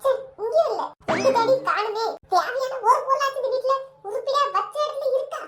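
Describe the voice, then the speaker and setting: A woman voicing a bossy, quick-tempered young wife who nags and scolds in a comedy skit. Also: very high voice, expressive, music in the background. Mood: nagging. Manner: scolding, complaining. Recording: roomy echo.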